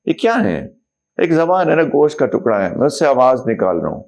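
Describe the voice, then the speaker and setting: A man's voice: mid-range voice, very animated, darkish tone. A middle-aged man, an Islamic scholar, giving a motivational talk to young people, asking rhetorical questions and reciting verses. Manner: rhetorical questions, mixes English words, recites Quranic verses. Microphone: speaker system to a live audience.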